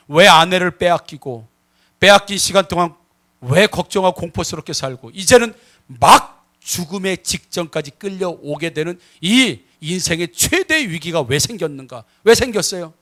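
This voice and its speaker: Animated high-voiced male pastor. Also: fairly quick. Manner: animated storytelling, acting out quoted voices with sudden loud and hushed turns. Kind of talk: sermon.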